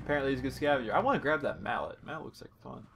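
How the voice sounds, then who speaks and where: A man giving casual let's play commentary over a zombie game, excitable and chatting to the enemies on screen. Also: mid-range voice, rapid-fire, vocal fry, slight background noise. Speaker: gaming YouTuber. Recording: game sound loud behind the voice.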